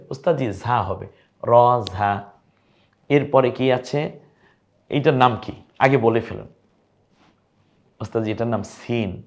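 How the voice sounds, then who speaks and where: A man's voice: mid-range voice, vocal fry. A man teaching viewers to read Arabic letters, coaxing them to repeat each letter name after him. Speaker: Quran teacher.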